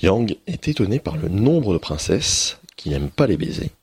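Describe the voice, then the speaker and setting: Male teacher narrating a children's tale; deep, very husky, lively melody. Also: moderate pace, no room sound. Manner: expressive storytelling. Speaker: schoolteacher. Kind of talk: reading a children's story aloud.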